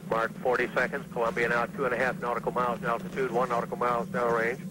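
A man's voice: mid-range voice, monotone, fast talker. A man giving live mission control radio commentary on a launch in clipped, factual, procedural phrases. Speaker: mission control public affairs announcer. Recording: noisy old space launch broadcast.

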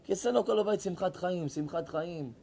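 A rabbi with a high voice preaches to his audience. He speaks emphatically and scolds in an animated, story-driven way. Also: gravelly, a little hiss or hum. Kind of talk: sermon with acted-out stories.

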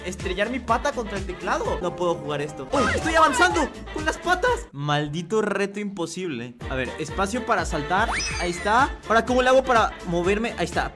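Young dude with a really high voice goofing around over a game, music going behind him. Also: male voice. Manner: playful, joking, quick to laugh. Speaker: gaming YouTuber. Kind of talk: casual gaming commentary.

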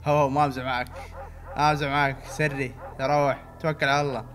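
A young man giving let's-play commentary, switching between muttering and loud outbursts. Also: mid-range voice, flat delivery, fast, soft background music. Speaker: gaming channel host.

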